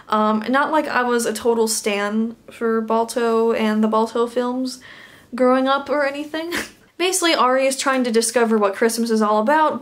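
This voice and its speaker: A young woman reviewing a bad movie in a comedic rant, sarcastic and laughing between lines. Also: a little high.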